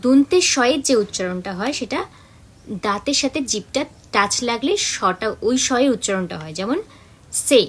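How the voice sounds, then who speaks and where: A woman's voice: fairly high pitch, expressive, moderate pace. A woman, an acting coach giving a pronunciation lesson and repeating example words to show each sound.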